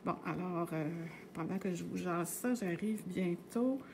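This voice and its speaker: A woman's voice: on the low side, measured pace, vocal fry, dark tone, slight background noise. A middle-aged woman with a Québécois French accent, casually teaching knitting on a live stream. She talks in a chatty, meandering way, full of hesitations and tag words.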